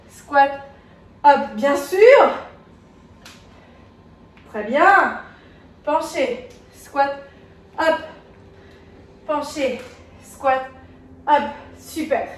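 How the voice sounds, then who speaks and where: A high-voiced woman leads a workout, counting out reps and cheerfully checking on her class as she exercises. She sounds a little distant from the mic in an echoey indoor room, with faint ambience behind her. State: moving while exercising. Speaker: fitness coach. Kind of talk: live workout instruction.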